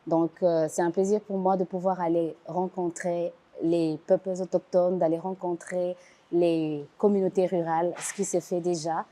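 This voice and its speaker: A young woman from the Democratic Republic of the Congo speaks as a guest in a television studio interview. Her voice is fairly low and mellow, and she sounds soft-spoken and eager as she describes her plans. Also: level tone, normal speed. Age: young adult. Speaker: film director and actress, guest.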